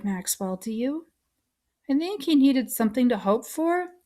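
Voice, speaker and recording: Woman reading as a tired lady doctor in a storybook, hushed and gentle, talks soft and slow. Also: high-pitched, voice pushed up. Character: weary, gentle middle-aged woman doctor. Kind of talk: audiobook reading.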